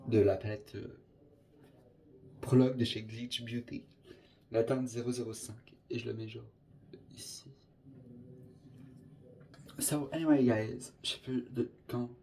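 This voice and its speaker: A young man rambles through a casual makeup tutorial, his voice sitting at an ordinary middle pitch. He keeps slipping English filler words into his chat. Faint background noise sits under the recording. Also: a little mellow. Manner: chatty, scattered, peppered with English filler words. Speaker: makeup vlogger.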